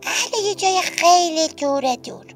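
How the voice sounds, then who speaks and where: A woman voicing a hyena mother disguised as a human woman, chattering in a high, chirpy voice. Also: soft background music.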